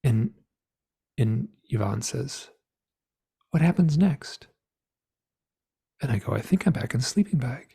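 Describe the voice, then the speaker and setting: Middle-aged male guest, gravelly, mid-pitched, rambling animated storyteller. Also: moderate pace. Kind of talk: storytelling interview.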